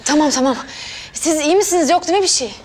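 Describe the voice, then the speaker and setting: An actress playing an anxious young woman who keeps pleading with a friend to stay calm, in a TV drama. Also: sits high, quick pace, natural voice. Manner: pleading, soothing. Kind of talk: TV drama acting. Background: background music.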